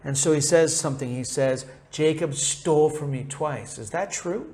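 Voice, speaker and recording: A man teaching a Bible passage in a casual, conversational way, pausing for an interpreter and playfully acting out the characters. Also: on the high side, a little mellow. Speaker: preacher teaching through interpreter.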